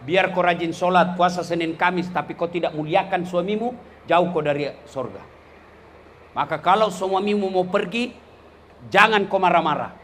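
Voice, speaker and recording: A middle-aged man giving a comedic Islamic sermon, teasing his listeners and swinging from low asides to loud shouts. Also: moderate pace, slight background noise. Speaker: Islamic preacher.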